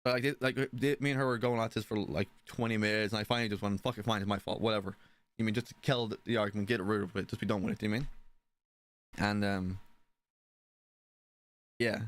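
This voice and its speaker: A man's voice: fairly low pitch, steady tone, fairly quick, long pauses, a bit bright. A young man telling a personal story in a casual, rambling way, often swearing and asking "you know what I mean". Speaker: stream participant.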